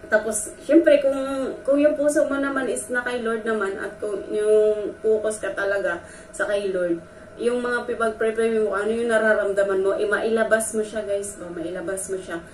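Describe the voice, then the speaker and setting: A woman vlogger speaks directly to her viewers, telling a personal story in an earnest, emotional way. Her mid-range voice is steady and moves at normal speed. She's recorded from a distance in an echoey room, with faint noise.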